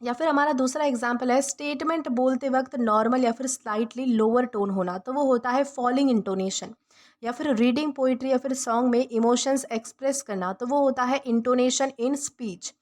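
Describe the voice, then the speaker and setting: A woman's voice: high voice, moderate pace. A woman teaching English vocabulary, patiently repeating and rephrasing each meaning. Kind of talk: vocabulary lesson explained in Hindi.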